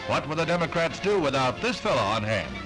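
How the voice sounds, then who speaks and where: Male old-newsreel announcer, slightly high voice, formal delivery, music bed underneath. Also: very animated, brisk, rough recording. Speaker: newsreel narrator. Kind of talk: 1960s newsreel narration. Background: music under the narration.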